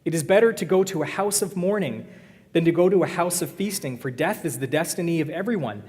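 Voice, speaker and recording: A man preaches in a church, easygoing and quick to joke with his congregation. His voice sits a little high for a man. A long reverb from the sanctuary trails each phrase. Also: darkish tone. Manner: conversational, joking with the congregation. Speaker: pastor. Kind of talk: sermon.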